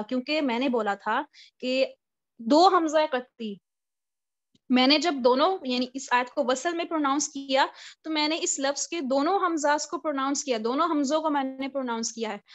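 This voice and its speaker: A woman with a high voice leads a live online class on Quran recitation. She works through each point patiently and keeps asking her students questions. The audio is dull and lo-fi, like a video call recording. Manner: patient step-by-step explaining, poses questions to students.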